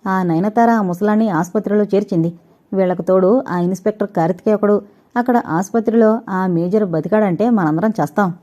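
A woman's voice: medium pitch, warm tone, lightly acted. Woman doing a panicky complaining henchman. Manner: complaining, hurried. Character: anxious adult son of the boss, panicky henchman.

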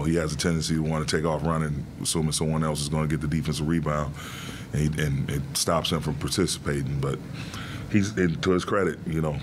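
A middle-aged man coaching basketball, answering press questions in a measured, deliberate way with many fillers, into a desk mic in a press room. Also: extremely low pitch, background noise. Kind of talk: postgame press conference answers. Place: press room before a logo backdrop. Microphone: desk mic on a stand.

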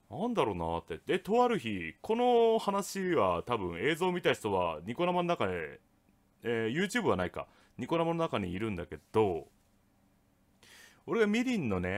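A man telling a ghost story from his own life in a rough, casual way of talking. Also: medium pitch. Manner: rough, casual speech with lively swings. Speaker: ghost story teller, channel host.

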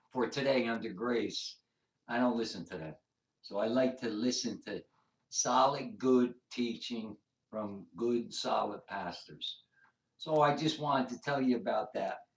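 Guy preaching like a tv evangelist, earnest n emphatic, informal bible teaching, echoey room, mic kinda far away. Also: mid-range voice. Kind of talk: informal sermon. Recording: echoey room, distant microphone.

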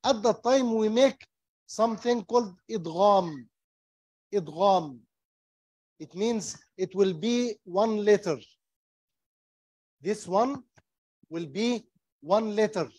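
A man teaching Quran recitation rules, explaining slowly and patiently in English and demonstrating the recitation, repeating each term. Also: high-pitched, darkish tone, no echo. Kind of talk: slow tajweed lesson, mixing English and Arabic. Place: small mosque classroom.

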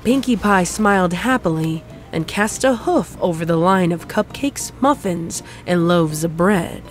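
A woman narrating a fan story in an even storybook reading. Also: fairly low pitch, a little slow, soft background music. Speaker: fanfic narrator. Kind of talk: scripted narration.

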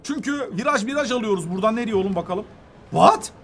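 Excitable high-voiced man gaming. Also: racing, a little hiss or hum. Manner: excitable, shouts reactions, drops in English exclamations. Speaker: gaming channel host playing with his son. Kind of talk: excited let's-play commentary for children.

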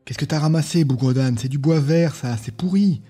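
A man reading aloud voices a brash, scornful young village blacksmith apprentice, loud and mocking. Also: fairly high pitch, moderate pace, breathy edge, voice pushed up. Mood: scornful scolding.

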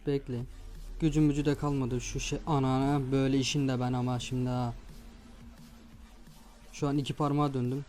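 A man giving excitable live commentary on a mobile game, swearing and flaring up in frustration as he plays. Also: mid-range voice, a little fast, long pauses, music in the background. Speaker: mobile gaming YouTuber. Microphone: phone recording gameplay.

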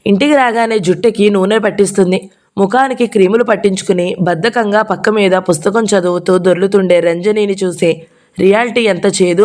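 A woman's voice: medium pitch, a little mellow. Woman narrating a story steadily. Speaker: audiobook narrator.

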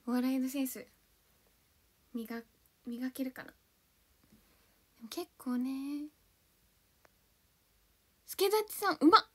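Her voice is high-pitched and sharp, with lively intonation, a slow pace and long pauses. A young idol livestreamer from Kanto, Japan, originally born in Hiroshima, she chats casually in a bubbly, giggly way, reading each viewer comment aloud and thanking its sender.

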